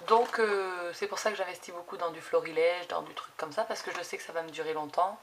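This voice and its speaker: Woman in her thirties, casual unboxing chat, enthusiastic, many fillers, steady background noise. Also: on the low side, fairly quick. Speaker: craft YouTuber. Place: home craft desk. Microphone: camera set low on desk.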